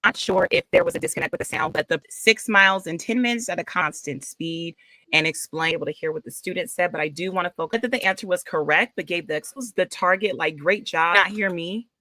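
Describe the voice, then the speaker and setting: A woman's voice: on the low side, very animated, fairly quick, sharp tone, dry recording. Woman on a choppy video call. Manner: hesitant, trailing off mid-sentence. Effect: audio cutting in and out, uneven volume. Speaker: teacher. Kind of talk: presenting on a live webinar.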